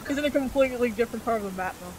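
A woman's voice: fairly high pitch, racing, darkish tone, a little hiss or hum, poor audio. A woman chatting casually with friends while watching a multiplayer horror game, steering the group through the map. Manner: directs teammates, talks through the map. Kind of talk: casual gaming chat.

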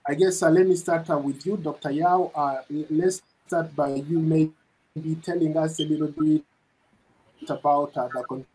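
A man's voice: a little high, fairly even intonation, warm tone, a little hiss or hum, rough recording. Man reporter hosting a news interview. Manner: measured, with hesitant fillers when ad-libbing. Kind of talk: broadcast news narration and interviewing. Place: studio with branded backdrop. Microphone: lapel mic.

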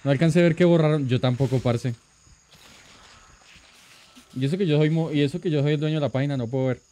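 A man's voice: fairly high pitch, quick pace, warm tone. A man, streaming live and chatting casually, greeting and thanking viewers by name.

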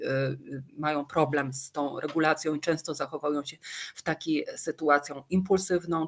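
Woman lecturer, fairly low voice, relaxed explanatory delivery with asides and audience questions. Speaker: trainer. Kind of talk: online training lecture.

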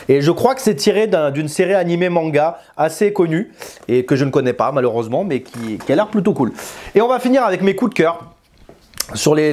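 In a small indoor room lined with bookshelves, a man reviews video games straight to camera, chatty, informal and full of slang, gesturing as he talks. His voice is a little high with a darkish tone.

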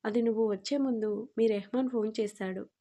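A woman's voice: a little high, fairly even intonation, fairly quick, mellow. Woman voicing a playful teasing young wife. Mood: coaxing.

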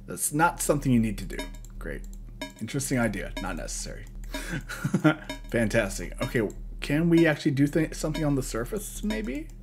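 A man doing casual game commentary, reading screen text aloud and thinking out loud in a hesitant mutter. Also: mid-range voice, very animated, normal speed. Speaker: gamer, host of a let's play. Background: retro video game music.

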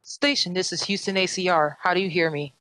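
A woman working as a mission control radio operator, running a voice check in crisp, clipped radio procedure over a space-to-ground radio link. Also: lowish voice, steady tone, a little fast, a bit bright, rough recording.

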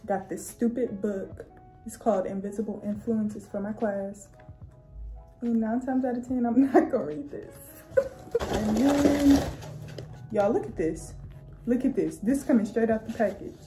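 A young adult college student with a Southern US accent vlogs from her small apartment bedroom, holding her phone camera at arm's length and chatting in a relaxed, slangy way. Her slightly high voice moves a little slowly with long pauses, and faint music plays behind the low-quality recording.

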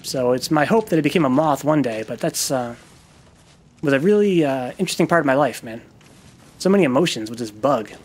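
A man's voice: mid-range voice, animated, brisk. A man casually commenting on his gameplay while telling a long, rambling personal story, swearing freely and poking fun at himself. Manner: rambling, profane, self-deprecating storytelling. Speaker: gaming video host.

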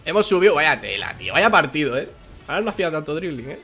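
A young man from Spain, slightly hoarse from a cold, giving casual, excitable gameplay commentary. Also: a little high, quick pace. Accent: Spain Spanish. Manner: excitable, swings into shouting and laughing. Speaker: gaming YouTuber. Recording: music playing underneath.

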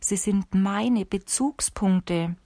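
A woman's voice: mid-range voice, drawn-out words, dark tone, no room sound. A woman reading the lines of an anxious young male apprentice, pleading and questioning, in an audiobook.

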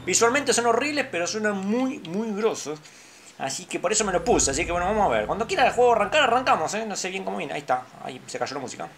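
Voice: sing-song, fast, a bit bright, a little hiss or hum. Chatty Rioplatense gamer with headset. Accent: Rioplatense Spanish. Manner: chatty, drops to low mutters, startled outbursts. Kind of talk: let's play commentary.

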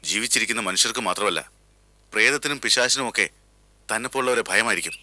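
A man's voice: on the low side, fast talker, background noise, close to an everyday voice. A man playing a stern, defiant captive. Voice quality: stern, reproachful. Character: defiant male captive scolding his captor. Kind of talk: TV serial acting.

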